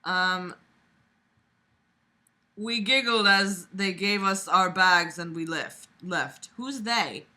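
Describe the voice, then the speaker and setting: Lying on a bed in a small room at home, a young woman reads aloud and comments bluntly, with sarcasm and exasperation. Her lowish voice sounds pushed and bright, and she takes her time, leaving long pauses.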